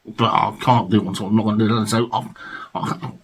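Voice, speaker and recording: A man's voice: on the low side, fairly even intonation, fairly quick, husky. A man from England hosting a video about his record collection, chatting casually with jokey asides and reading liner notes aloud. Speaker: vinyl collection video host.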